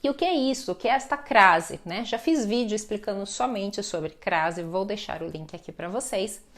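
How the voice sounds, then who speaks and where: A woman's voice: medium pitch, expressive, moderate pace, a bit bright. A woman teaching a grammar lesson online, explaining patiently and often checking in with "né?". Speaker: Portuguese teacher.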